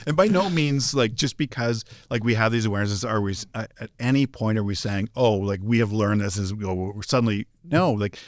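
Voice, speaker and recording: Guy with a lowish voice cohosting a business podcast, thinks out loud, restarts a lot, dry close mic. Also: expressive, brisk, few pauses, dry recording. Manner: reflective, frequent restarts, emphatic. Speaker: podcast co-host and business coach. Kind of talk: casual podcast conversation.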